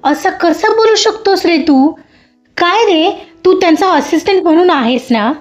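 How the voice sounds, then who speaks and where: A woman's voice: very high voice, expressive, measured pace. A woman voicing a caring, outspoken young woman office worker who talks firmly. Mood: indignant. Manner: firm, outspoken. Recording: dull lo-fi audio with faint music.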